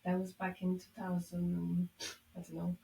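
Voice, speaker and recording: A woman's voice: fairly low pitch, monotone, unhurried, gravelly, mellow, roomy sound. A woman from Bulgaria with a Bulgarian accent, co-hosting a podcast and chatting in non-native English. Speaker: podcast co-host. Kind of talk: conversational interview.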